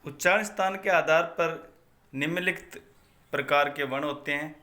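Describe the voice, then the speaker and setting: A man teaching a Sanskrit phonetics lesson, reciting each grammar rule slowly and then repeating it. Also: on the high side, sharp tone.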